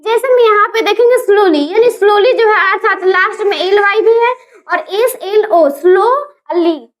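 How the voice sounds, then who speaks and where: Teacher, woman, very high voice, spells words out slowly in a grammar lesson.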